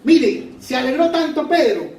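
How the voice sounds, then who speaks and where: A man's voice: extremely high pitch, lively intonation, unhurried, darkish tone. A man preaching a fervent sermon, repeating phrases for emphasis, in a church hall. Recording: echoey church hall, mic far off.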